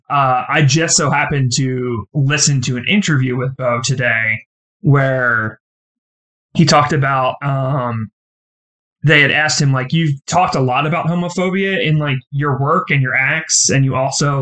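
A man co-hosting a casual podcast talks through a scene in loose, rambling detail. He leans on "like" as he goes, unhurried and chatty. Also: medium pitch, rough recording. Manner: relaxed storytelling, heavy use of "like". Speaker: podcast co-host. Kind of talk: casual chat reviewing a show.

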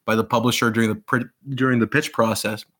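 A man's voice: mid-range voice, level tone, fast, fairly bright tone. A man in his thirties who grew up in Pakistan, an author telling his story eagerly in a casual interview, rambling with fillers and restarts. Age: 30s.

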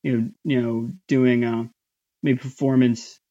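A man guesting in a casual interview about his voice acting work, talking in a halting way with many fillers and restarts. His voice is somewhat high. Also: little pitch movement, dark tone, highs cut off. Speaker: voice actor guest.

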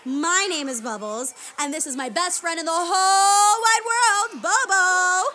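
A woman's voice: very high voice, measured pace, sharp tone, heavily acted. A woman playing a bubbly children's party clown who hosts in singsong puppet-show patter to children. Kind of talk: exaggerated children's entertainer performance.

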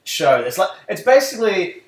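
Guy dropping movie trivia on a podcast, slightly high voice, echoey. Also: very animated, moderate pace. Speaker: podcast co-host. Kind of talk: casual movie chat. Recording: echoey room.

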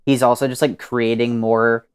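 A young man co-hosting a podcast, brainstorming a story in a rambling, excited way with plenty of swearing. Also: mid-range voice, moderate pace, clear, resonant tone. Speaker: podcast co-host.

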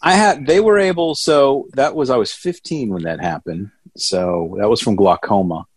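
A man's voice: medium pitch, moderate pace, darkish tone, slightly rough, no room sound. A middle-aged American man from Atlanta chatting as an interview guest in an informal, rambling, folksy way. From Atlanta, Georgia, United States. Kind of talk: casual conversational interview.

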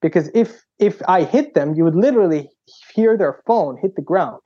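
A young man and interview guest telling stories in an animated way, acting out what people said with a raised voice. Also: moderate pace, no room sound. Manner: lively storyteller who acts out quotes with a raised pitch. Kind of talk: animated storytelling in conversation. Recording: slightly dull lo-fi audio.

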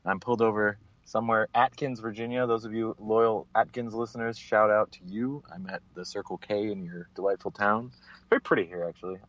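A man co-hosting a casual sports chat by phone from a parked car, rambling and laughing easily, his voice thin with no bass. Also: steady tone, fairly quick, fairly bright tone, no room sound. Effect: thin phone-line sound with no bass. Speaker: co-host. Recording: dull dry phone line.

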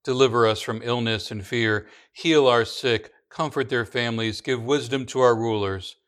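Smooth-voiced man reciting church prayers. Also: mid-range voice, steady tone, fairly bright tone. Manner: slow, measured recitation with small restarts. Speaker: pastor. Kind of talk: liturgical prayer reading.

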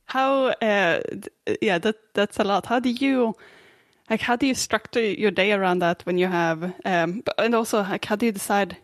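A woman's voice: mid-range voice, normal speed, no room sound. A woman co-hosting a podcast, asking friendly questions in a casual chat. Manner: upbeat, friendly interviewer. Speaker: podcast co-host.

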